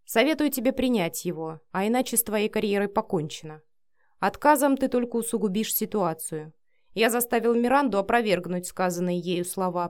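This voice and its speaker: A woman's voice: medium pitch, lightly acted. Curt, commanding young man with a sneer , read by a woman, audiobook. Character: cold domineering young man, harsh and scornful. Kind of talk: audiobook character reading.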